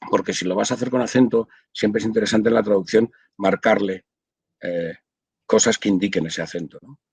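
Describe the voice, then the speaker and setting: A man's voice: on the low side, fairly even intonation, a little fast, darkish tone, breathy edge, no echo, low-quality recording. An older man from Spain, a translator, explaining his work at length in a casual video-call interview, with many restarts. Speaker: audiovisual translator, interview guest.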